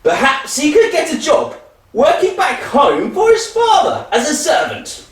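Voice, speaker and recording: A man presenting a children's worship show, telling a story in an animated, playful way. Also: extremely high pitch, a little slow. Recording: echoey room from a distance with faint music.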